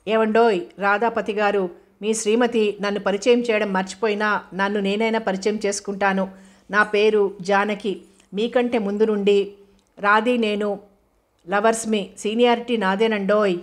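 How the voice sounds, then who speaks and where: A playful, talkative young woman lecturer who teases and tosses English phrases into her banter, read by a woman narrator. The delivery stays even and flat in pitch, at a middle height. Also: lightly acted. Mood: teasing. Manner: rapid, teasing banter mixed with English phrases.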